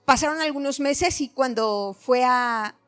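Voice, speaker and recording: A woman's voice: high-pitched, unhurried, fairly bright tone, clear, resonant tone, soft background music. A middle-aged woman giving an earnest, heartfelt personal testimony at a church meeting.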